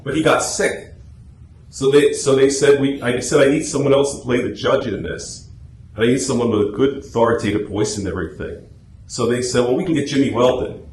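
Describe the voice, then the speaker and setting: Speaking briskly in a mid-range voice with a slightly mellow quality, a man addresses a small club audience in a meeting room. He's a presenter and radio script writer, and his talk is chatty, anecdotal and informal. The recording sounds echoey with faint noise.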